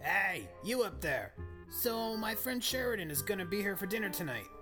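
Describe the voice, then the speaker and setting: A man voicing a shrill, nagging mother who calls up the stairs in a screechy voice. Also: big pitch swings, normal speed, music in the background. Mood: calling. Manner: screechy, calling out from afar.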